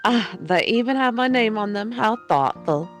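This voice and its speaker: Casting: woman playing doting older diner matron for a game, higher-set voice, motherly guilt-tripper, light music underneath. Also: lively intonation, normal speed, natural voice. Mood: fond. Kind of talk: reading video game dialogue in character.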